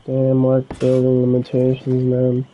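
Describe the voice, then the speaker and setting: An American streamer casually talks through his game build, relaxed, muttering to himself and chatting with viewers. His medium-pitched voice is unhurried, and the audio is poor.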